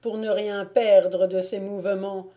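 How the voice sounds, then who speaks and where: An eager huntsman servant heaps blame on a suspect in an audiobook, voiced by a woman. The voice is slow and accusing, with a warm, dark tone. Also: medium pitch, flat delivery, natural voice. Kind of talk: audiobook reading.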